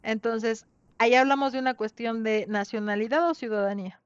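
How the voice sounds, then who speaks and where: Teaching an online class in a relaxed, conversational style, a woman with a Mexican accent keeps checking in with students through tag questions. She speaks a little fast in a fairly high, clean-toned voice. The recording is dry, with the dull lo-fi quality of online class audio.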